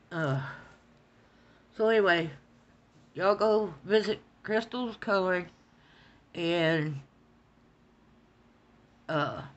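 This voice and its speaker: Slow, rambling woman. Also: on the low side, lo-fi sound. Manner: rambling, stammering, repeats herself. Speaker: coloring channel host. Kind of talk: casual chat reviewing art supplies. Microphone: phone.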